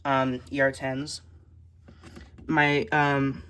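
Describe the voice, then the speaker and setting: A hobbyist collector presents a radio collection, casually showing items one by one in a halting, list-like manner. The medium-pitched voice has little pitch movement, and it's recorded indoors among shelves of electronics on a handheld phone behind the camera, with heavy background noise.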